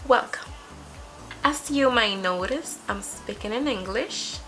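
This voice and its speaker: This beauty vlogger, a young woman whose first language is Spanish, chats through every step of her makeup routine at a desk in a small patterned-wall room, framed by a webcam. She speaks slowly in a high-leaning, bright, forceful voice, with faint music in the background.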